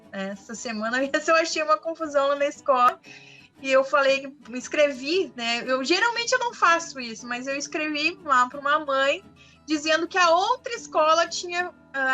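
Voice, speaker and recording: A woman from southern Brazil, a school monitor explaining her work in a casual online live interview, lively, with frequent tag questions. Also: sits high. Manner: animated, explanatory, speaks in short bursts with frequent tag questions.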